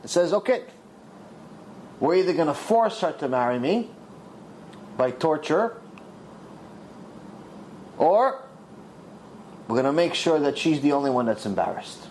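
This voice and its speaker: A man's voice: big pitch swings, a little slow, pauses often, darkish tone, a little hiss or hum, rough recording. A rabbi telling a dramatic story in a sermon, acting out the characters' lines as he goes. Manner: dramatic storyteller, voices the characters with big pitch swings.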